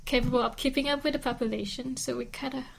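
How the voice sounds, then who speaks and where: A Vietnamese woman speaks in a fairly high voice in a casual discussion in English, her second language. She talks in a measured way with some fillers. Clear background noise and clicks come through behind her. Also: steady tone. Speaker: discussion participant.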